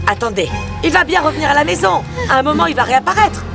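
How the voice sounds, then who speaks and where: An actress playing a mother who coaxes and calms her frightened daughters, in a French-dubbed telenovela. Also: sits high, fast, vocal fry, over loud music. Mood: soothing. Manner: soothing, coaxing.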